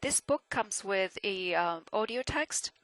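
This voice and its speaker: A woman teaching a French lesson, patiently explaining and repeating words slowly to show how they sound. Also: mid-range voice, expressive, a bit bright, no echo, low-quality recording. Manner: patient, explanatory, with frequent fillers. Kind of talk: classroom lesson on French pronunciation.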